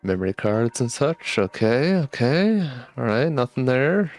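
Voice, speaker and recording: A man's voice: mid-range voice, lively intonation, moderate pace. A young man doing casual let's play commentary, talking with retainers in his mouth and a little sick with a cough. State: getting over a sickness with a cough. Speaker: gaming streamer. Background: game music.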